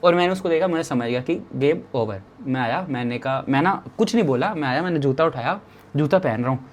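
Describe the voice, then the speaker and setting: A man in his twenties telling a travel story in a lively way. He repeats phrases for drama and speaks straight to the listener. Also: fairly high pitch, brisk, slight background noise. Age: 20s. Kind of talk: animated personal storytelling.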